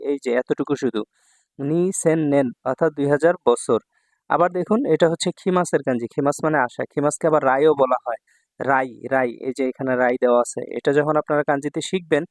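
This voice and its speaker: In this kanji lesson, a Bangladeshi man with a fairly high-pitched voice keeps repeating words and asking his students "ঠিক আছে?" again and again. The recording is dry.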